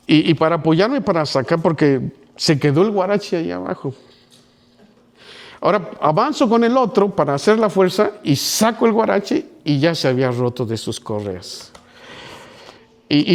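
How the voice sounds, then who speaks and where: A man preaching a sermon, telling a story with sudden drops to a hush and climbs to loud pleading. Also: fairly high pitch. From Mexico. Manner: dramatic storytelling with wide swings from near whispers to loud pleading. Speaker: pastor.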